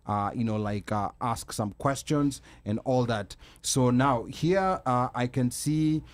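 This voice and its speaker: A man with a Kenyan accent hosting a live call-in talk show in a halting delivery full of fillers. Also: medium pitch.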